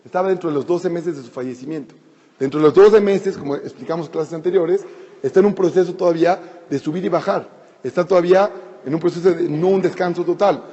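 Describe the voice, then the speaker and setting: A man's voice: fairly high pitch, quick pace, dark tone. A man teaching a Torah class, explaining and retelling a scripture story in a conversational way with frequent restarts. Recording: lo-fi with long hall reverb.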